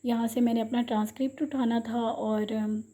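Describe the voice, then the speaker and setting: A woman's voice: a little high, fairly even intonation, moderate pace, warm tone. A young woman from Pakistan narrating her vlog in a casual, chatty and emotional way. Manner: chatty, emotional, recites a ghazal. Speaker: vlogger.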